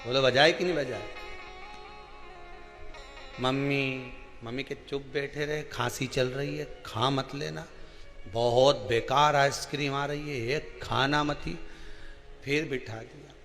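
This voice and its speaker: A man with a central Indian Hindi accent preaching a sermon, telling a story with acted dialogue and swinging between soft and loud. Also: mid-range voice, steady tone, slow pace, pauses often, big-room sound, soft background music.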